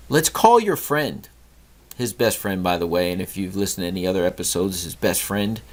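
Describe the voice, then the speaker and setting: A middle-aged man hosting a podcast, telling an earnest story about a talk with his son and lecturing on gratitude. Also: on the low side. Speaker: podcast host. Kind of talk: storytelling monologue.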